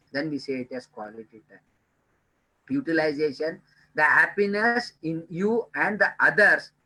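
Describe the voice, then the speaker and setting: Male trainer, high bright voice, earnest lecturing, repeats points for emphasis. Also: poor audio. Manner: addresses listeners as dear friends. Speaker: time management trainer. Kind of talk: webinar lecture.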